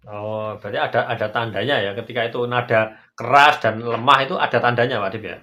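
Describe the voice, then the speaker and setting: A man hosting a relaxed interview, asking follow-up questions and adding brief agreeing murmurs. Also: medium pitch, fast talker. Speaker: host. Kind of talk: casual interview talk.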